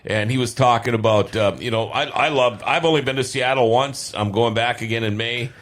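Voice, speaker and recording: A man from Minnesota co-hosts a studio talk show. His pitch sits in an ordinary middle range, and he talks in a loose, rambling, joking way with the others in the room. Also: a bit bright. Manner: chatty, rambling, quick to joke. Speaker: radio show host. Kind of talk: casual studio chat.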